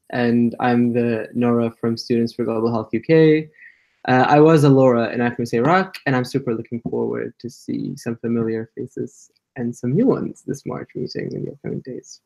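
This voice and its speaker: A man introducing himself on an online webinar, friendly and loud. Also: medium pitch, normal speed, gravelly. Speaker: webinar panelist. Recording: dull lo-fi call audio.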